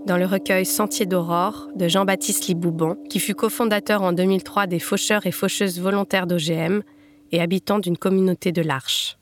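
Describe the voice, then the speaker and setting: A woman hosting a podcast, introducing an association and then reading poems aloud in a measured, expressive way. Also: lowish voice. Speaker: podcast host.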